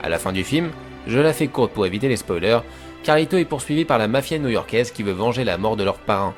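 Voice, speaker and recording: A man's voice: on the low side, animated, quick pace. A man hosting a film analysis show, narrating a scripted video essay in an informal way that addresses viewers directly. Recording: voice-over with music behind.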